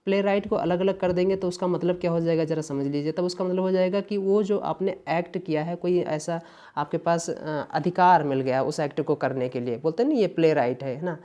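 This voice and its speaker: Mellow-voiced male exam tutor. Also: on the high side, a little fast, lo-fi sound. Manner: explains patiently, mixing English terms into Hindi; keeps checking in with "है ना" and "ध्यान दीजिएगा". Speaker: English exam teacher. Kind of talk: exam paper walkthrough lesson.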